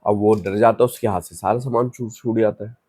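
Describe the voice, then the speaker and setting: Low-voiced man telling a ghost story. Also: fairly even intonation, fairly quick, mellow, no echo, studio quality. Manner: loose, conversational retelling with restarts. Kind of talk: casual spoken horror story.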